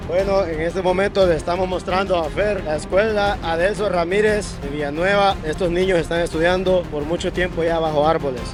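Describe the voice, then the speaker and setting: A man's voice: sits high, steady tone, a little fast, few pauses. A man giving casual on-location commentary as a vlog narrator and interviewer outdoors by a road. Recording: outdoor road sounds, music behind voice.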